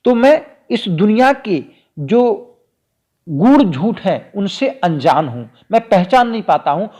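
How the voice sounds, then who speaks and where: A man teaching literature, explaining a poem point by point and repeating key ideas, drawing out the English lines slowly. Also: high-pitched, sing-song, a little mellow. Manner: slow, stretches out quoted English lines.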